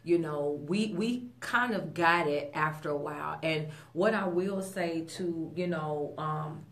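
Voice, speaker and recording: A woman in her thirties with a low-pitched voice speaks earnestly on a radio talk show. She talks in a conversational way, with plenty of fillers and restarts. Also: unhurried, a bit bright. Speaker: guest, stroke survivor.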